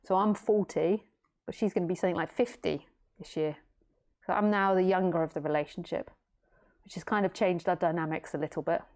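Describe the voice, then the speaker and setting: A spiritual teacher in her late thirties gives a casual philosophical talk, rambling along easily and tossing in jokey asides. Her voice is lowish, steady and a little mellow, and she speaks fairly quickly.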